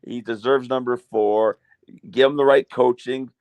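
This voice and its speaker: Blunt, excitable young man co-host. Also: mid-range voice, a little slow, no echo. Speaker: podcast co-host. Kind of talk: casual sports chat.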